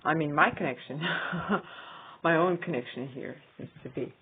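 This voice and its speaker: A Ukrainian woman vlogger, not a native English speaker, gives casual screen-recording commentary in a low voice. She speaks slowly and hesitantly, halting with frequent pauses, over tinny audio with slight background noise.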